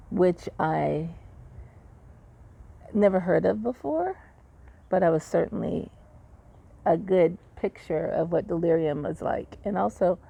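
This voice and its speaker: A woman's voice: fairly low pitch, creaky, warm tone, breathy edge. An older woman casually telling the story of her hospital stay, rambling and conversational with many fillers. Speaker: patient sharing her story. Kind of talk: casual personal update.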